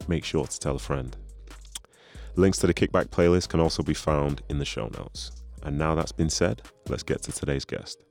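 Deep-voiced upbeat podcast host man. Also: darkish tone. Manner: upbeat, chatty, teasing. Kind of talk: podcast interview.

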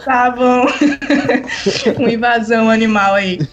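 A woman's voice: on the high side, fairly even intonation, takes it slowly, dull audio, crowd noise. A woman co-hosting a podcast, chatting casually and enthusiastically about music over a call. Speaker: podcast co-host. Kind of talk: casual chat.

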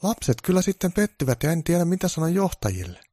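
A pushy, pleading TV producer calling on the phone in a comic storybook, as a male narrator plays him. He speaks high and coaxing, with some gravel underneath. The sound is dry. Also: very animated, warm tone, no room sound, full character voice.

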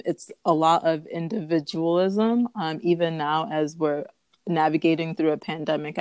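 A woman's voice: low voice, mellow, no room sound. A young adult woman from the United States, speaking thoughtfully in an interview with frequent ums. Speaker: business founder, guest. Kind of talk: conversational interview.

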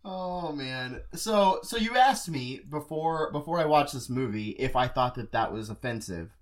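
A man's voice: mid-range voice, unhurried. A young man co-hosting a podcast, chatting casually and jokingly about a movie and laughing often. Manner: animated, laughs often, jokey. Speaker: podcast co-host. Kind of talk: casual movie review chat.

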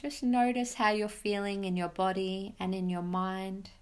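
A woman's voice: medium pitch, little pitch movement, darkish tone, smooth. Soothing woman guiding mindfulness. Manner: soothing, unhurried instructions with pauses. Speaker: podcast host and mindfulness guide. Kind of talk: guided meditation for families.

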